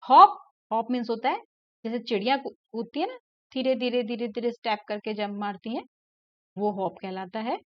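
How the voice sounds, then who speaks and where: A woman's voice: on the high side, moderate pace, no room sound. A woman teacher patiently explaining a first-grade English lesson, repeating letter sounds and words, mixing Hindi explanation with English words. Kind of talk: explaining a textbook lesson to young pupils. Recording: slightly dull lo-fi recording.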